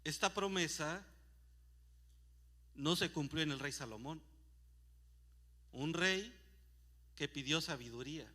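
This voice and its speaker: A man's voice: fairly high pitch, slow, long pauses, pushed and bright. A man preaching a sermon in a church, reading scripture aloud with emphasis and asking rhetorical questions. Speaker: pastor.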